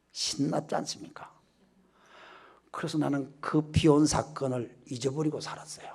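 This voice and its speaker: Husky, animated man preaching in church. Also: a little high. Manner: animated storytelling, swings from shouts to hushed asides. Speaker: pastor. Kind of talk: revival sermon testimony. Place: church sanctuary.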